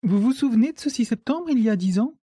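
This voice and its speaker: A woman's voice: a little high, expressive, fast, mellow, breathy edge, no echo, studio quality, voice pushed up. A man voicing a young female journalist who asks probing questions. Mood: questioning. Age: young adult. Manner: inquisitive questioning.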